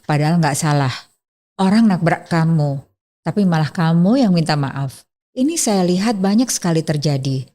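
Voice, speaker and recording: A woman, hosting an etiquette channel and calmly giving scripted self-improvement advice straight to the listener. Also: on the low side. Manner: calm, gently instructive, addresses listener directly.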